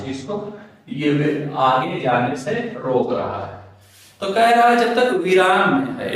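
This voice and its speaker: Echoey male physics teacher. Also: on the high side. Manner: repeats questions to the class and answers them himself. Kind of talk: exam-prep lecture. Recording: very echoey room, mic far off.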